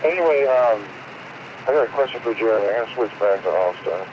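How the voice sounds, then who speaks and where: Ham radio guy sounding robotic and metallic, muffled and dull, loud static hiss behind him. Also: mid-range voice, lively intonation, quick pace. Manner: loose, filler-heavy talk. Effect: robotic, metallic digital radio audio. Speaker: amateur radio operator. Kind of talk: casual radio net chat.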